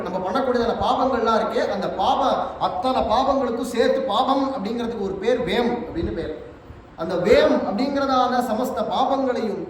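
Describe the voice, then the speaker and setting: A man giving a devotional religious discourse, telling stories and chanting verses in a drawn-out sing-song. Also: very high-pitched. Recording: echoey hall, distant mic, faint noise.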